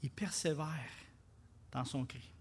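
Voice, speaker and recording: A man with a Québécois French accent preaching a sermon, emphatic, with loud bursts and quiet drops. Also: mid-range voice, slow pace, husky. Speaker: pastor.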